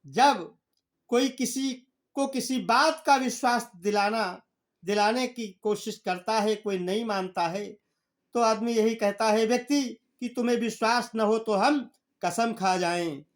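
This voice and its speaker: A male teacher giving a poetry lesson, reciting verse lines slowly and then explaining them in plain words, calling his listeners brother. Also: high voice. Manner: addresses listeners familiarly as brother.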